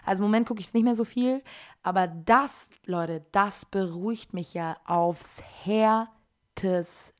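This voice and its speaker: Young gal rambling on her podcast, slangy, lively, goes soft sometimes. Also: mid-range voice, unhurried. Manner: chatty, slangy and animated, drifts into soft voice. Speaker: podcast host. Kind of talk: casual chat.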